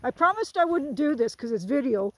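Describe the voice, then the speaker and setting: Filming on her phone as she hikes a hilltop trail with a group, this sixty-something vlogger talks to the camera in a high, sing-song voice at a slightly fast clip. She's chatty, full of jokes and laughter. The audio is poor, though there's no room sound.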